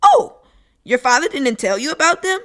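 A woman's voice: a little high, expressive, moderate pace, bright, forceful tone. A woman voicing a chatty, curious little child who asks eager questions.

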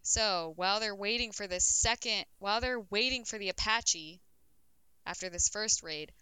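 A woman's voice: medium pitch, normal speed, sharp tone, smooth, no room sound, low-quality recording. A woman co-hosting a casual podcast, telling a history story in a loose, chatty way with plenty of "um"s and the odd swear.

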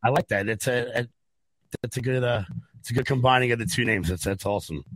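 A man's voice: medium pitch, fast talker, a bit bright, no echo, low-quality recording. A man with a Long Island accent, a guest chatting casually and easygoingly on a video call.

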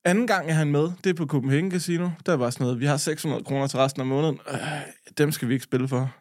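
A man co-hosting a podcast, telling stories in a casual, animated way with swearing and laughter. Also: on the high side, no echo, clean studio sound. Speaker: podcast co-host. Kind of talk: casual storytelling chat.

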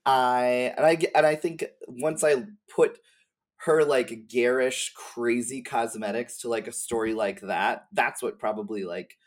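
He's a podcast guest with a mid-range voice and a steady, unhurried delivery. The conversation is casual game-lore talk, full of slang, hedging and rambling asides.

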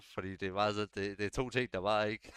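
A young man chatting casually on a podcast, relaxed and hesitant, with lots of fillers and restarts. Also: fairly low pitch, smooth, dry recording, studio quality. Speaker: podcast co-host. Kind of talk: casual chat.

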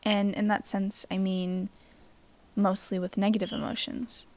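A woman hosting a reflective mindfulness podcast, speaking gently with pauses and soft, breathy phrase endings, her voice slightly worn. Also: medium pitch, flat delivery. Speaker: podcast host.

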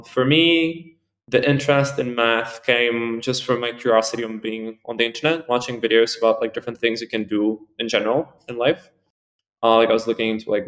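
A man's voice: mid-range voice, steady tone, fairly quick. A young man in his early twenties from Spain, answering interview questions in a rambling, casual way full of "like" and "um". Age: early 20s. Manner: rambling, heavy use of "like" and fillers. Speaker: podcast guest.

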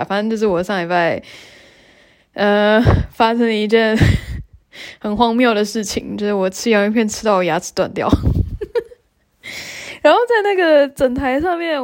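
A young woman hosting a podcast, telling a story in a chatty way with fillers, restarts and frequent laughs. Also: mid-range voice. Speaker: podcast host. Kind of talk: casual storytelling monologue.

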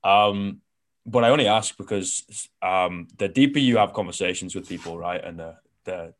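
A young man with a low voice hosts a laid-back interview podcast at a moderate pace, speaking frankly and rambling with plenty of fillers and the occasional curse. He isn't from New Zealand.

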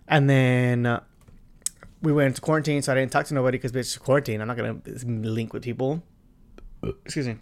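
A man in his twenties hosting a solo podcast, talking bluntly and profanely, with loud bursts and quiet asides. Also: mid-range voice, steady tone, a little fast. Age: 20s. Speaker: podcast host. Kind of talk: casual solo podcast chat.

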